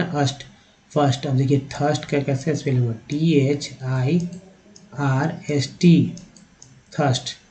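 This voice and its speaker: A man's voice: on the high side, dark tone, low-quality recording. A man with an Indian accent, teaching an online English lesson and breaking words into letters and sounds. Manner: spells words out letter by letter and sounds them out slowly; addresses viewers directly, repeating "dekhiye".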